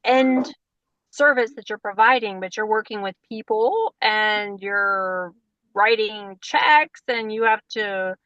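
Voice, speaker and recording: A woman's voice: mid-range voice, takes it slowly, fairly bright tone, no echo, highs cut off. A woman interviewer asking friendly, encouraging questions.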